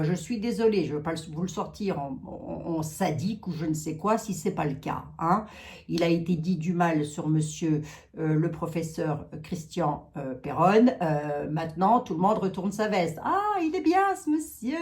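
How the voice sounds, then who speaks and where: French lady doing a card reading, chatty, lots of asides, voice swoops up and down, lowish. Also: a little mellow. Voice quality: chatty, talks to viewers, many asides and "hein". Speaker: card reader. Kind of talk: casual card-reading livestream.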